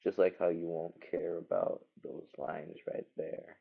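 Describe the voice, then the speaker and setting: A man speaks in a low voice thick with gravelly vocal fry. He rambles casually, as on a livestream, thinking aloud while he works. The sound is slightly muffled and dull. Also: flat delivery, a little slow. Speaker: livestreaming animator.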